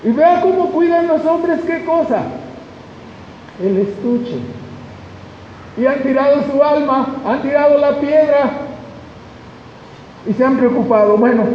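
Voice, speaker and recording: A pastor preaching a sermon with emphatic rhetorical questions and tag questions. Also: male voice, extremely high pitch, slight background noise. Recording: dull echoey hall recording.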